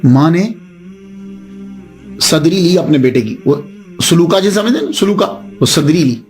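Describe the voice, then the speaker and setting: A male preacher tells a religious story in a high voice. He delivers it dramatically, with swooping, animated pitch. Faint music runs underneath. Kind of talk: storytelling sermon.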